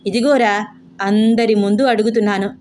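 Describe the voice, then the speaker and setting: A woman's voice: medium pitch, fairly even intonation, normal speed, a little hiss or hum, natural voice. A woman voicing a bossy old grandmother who scolds and orders her family around. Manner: sharp, commanding, scolding.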